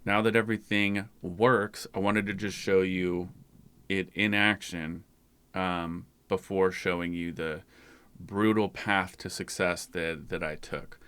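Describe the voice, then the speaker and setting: A man's voice: low-pitched, fairly even intonation, slow, a bit bright, clear, resonant tone. A man hosting his own channel, giving a loose, rambling, conversational screen-share tutorial. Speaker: tech channel host.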